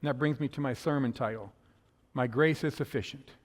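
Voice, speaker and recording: A male pastor from the northern United States preaching a sermon in a quick, conversational storytelling way, with a slight lisp on his s sounds. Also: mid-range voice. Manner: fast-talking, conversational storytelling. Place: church sanctuary. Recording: long hall reverb.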